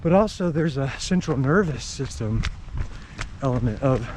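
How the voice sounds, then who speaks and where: An expressive man with a mid-range voice speaks at a moderate pace against a noisy background. Vlogging while he runs outside in the rain, he gives casual explanations in short, fragmented phrases.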